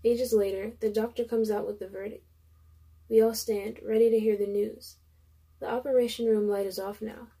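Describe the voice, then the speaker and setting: A woman's voice: fairly high pitch, little pitch movement, moderate pace, dark tone, slightly rough. A young woman reading a story aloud in the first person, emotional, with chatty asides between passages. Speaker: reader of a story.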